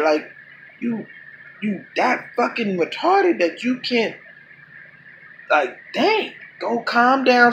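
A man reacting to a video clip in a profane, animated rant. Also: high voice, slight background noise. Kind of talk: casual reaction commentary.

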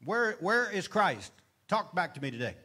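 In a bright, pushed, sing-song voice pitched high, a middle-aged male pastor preaches at normal speed on a church stage backed by a brick wall. Holding a mic, he delivers his sermon and keeps asking the congregation questions and calling for responses.

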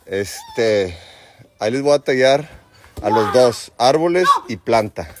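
A man with a Mexican Spanish accent, vlogging at home with his family, cheering and coaching his kids excitably. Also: mid-range voice, takes it slowly, background noise. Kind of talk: casual home vlog.

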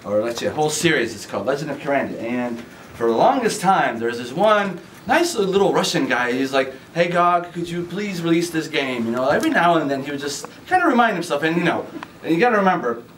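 A man tells a loose, rambling anecdote about his community work in an easy conversational way. His voice sits a little high, and the recording picks him up from some distance with a faint hiss of noise behind him. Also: very animated, fast talker. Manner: chatty, rambling storyteller. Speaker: community manager at a game store. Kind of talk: casual spoken anecdote for an interview.

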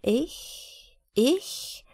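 A woman voicing a timid crippled court jester, a male dwarf who answers flatly and hesitantly. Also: very slow, no room sound, clean studio sound. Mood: flat, evasive. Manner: flat, hesitant.

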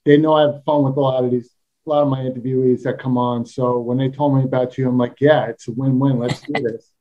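A man with a Brooklyn accent hosting a casual interview over a video call, jokey and quick to laugh. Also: mid-range voice, flat delivery, dull audio. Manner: jokey, playful, laughs often. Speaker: host.

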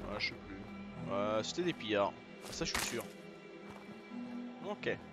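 A man's voice swinging widely in pitch as he chats and jokes through a game session. His commentary is loose and self-mocking, and loud game music plays behind him. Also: lively intonation, a little slow. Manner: chatty, self-mocking, talks to viewers. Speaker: gaming YouTuber. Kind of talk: casual let's play commentary.

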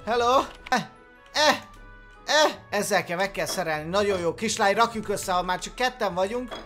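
A man riffing through a let's play as a gaming YouTuber, excitable and jokey, breaking into sudden loud outbursts. His voice is bright and forceful, with faint game music underneath. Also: high voice.

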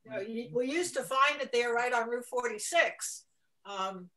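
Woman, club member, bright tone, direct, quick interjections, video call. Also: fairly high pitch, rough recording. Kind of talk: casual discussion on a video call.

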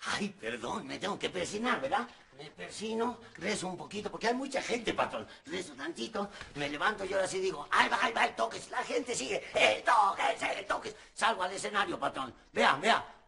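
A chatty cheerful servant. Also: male voice, high voice, creaky, husky, heavily acted. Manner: rambling, animated storytelling. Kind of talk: telenovela acting.

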